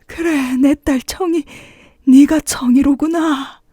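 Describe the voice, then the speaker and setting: A woman's voice: high voice, steady tone, slow, dark tone, dry recording, clean studio sound, voice pushed up. A woman voicing a tender, emotional old father in a children's fairy tale, as if reading to a toddler. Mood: tearful joy. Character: tender old blind father overjoyed to see daughter. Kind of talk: children's storybook character voice.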